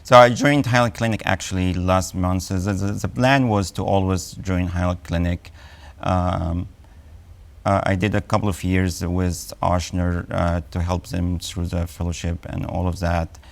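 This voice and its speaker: A low, creaky voice with little pitch movement belongs to this Egyptian-accented man in his forties. He's an oncologist invited onto a TV health interview, and he speaks deliberately with plenty of ums and uhs.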